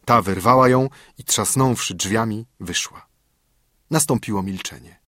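Brief: male narrator, mid pitch, husky tone, dry close read, calm and measured. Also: no echo. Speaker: audiobook narrator. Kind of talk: scripted audiobook narration.

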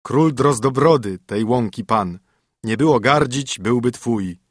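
A man's voice: medium pitch, unhurried, slightly rough, no echo, clean studio sound. A man voicing a poor wandering minstrel in a storybook reading, with a sly, chanting delivery. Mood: teasing.

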